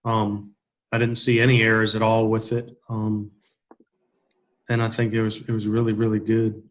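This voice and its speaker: A man's voice: on the low side, completely flat delivery, moderate pace. A man giving casual, encouraging peer feedback on a video call, rambling with many restarts. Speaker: peer reviewer.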